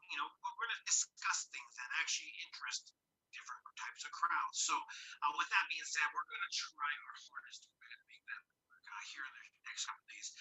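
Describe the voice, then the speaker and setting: A man's voice: on the high side, pushed and bright, husky. A man co-hosting a casual local talk show over a remote line, his voice tinny and metallic like it is coming through a tin can, rambling with many fillers. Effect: tinny, metallic, garbled audio like a tin can. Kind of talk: casual chat.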